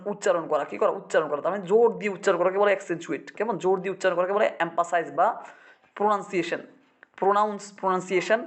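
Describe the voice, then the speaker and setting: Fast, high-voiced male teacher drilling words. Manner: drills words by repetition, quizzes students. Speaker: English teacher. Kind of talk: classroom vocabulary lesson.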